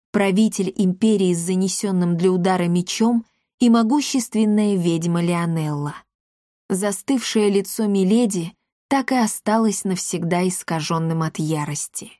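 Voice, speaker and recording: Female audiobook narrator, expressive fantasy storytelling, mid-pitched, close dry sound. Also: dry recording. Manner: expressive reading, shifts voice for characters' shouts.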